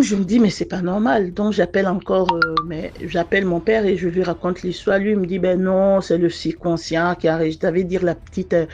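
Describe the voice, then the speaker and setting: A woman telling her own story in a casual, earnest way. She often pauses and restarts as she talks. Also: lowish voice, a little mellow. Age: adult mother. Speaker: listener sharing a personal testimony. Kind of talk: casual first-person storytelling.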